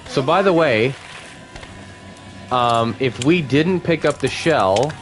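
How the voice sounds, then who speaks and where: A man's voice: medium pitch, lively intonation, slow, faint music behind. A man giving casual, rambling gameplay commentary as a let's play host, full of fillers and easy laughs.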